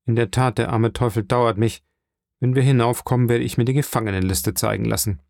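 A man voicing a measured, businesslike male prison inspector in an audiobook reading. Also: mid-range voice, fairly even intonation, gravelly, darkish tone, dry recording, studio quality, lightly acted. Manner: matter-of-fact, businesslike.

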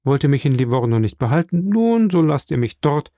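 Man voicing an earnest young seaman, confident, dark gravelly voice, dry close audiobook sound. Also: fairly high pitch, sing-song, fairly quick, dry recording, pitched above the performer's own voice. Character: determined young male seaman, resourceful and earnest. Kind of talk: audiobook reading.

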